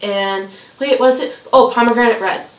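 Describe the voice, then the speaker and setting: A woman's voice: a little high, moderate pace. A young woman co-hosting a casual vlog with her sister, giggly and rambling. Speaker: vlogger, co-host with her sister. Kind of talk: casual unscripted chat. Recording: echoey room, distant mic, faint hiss.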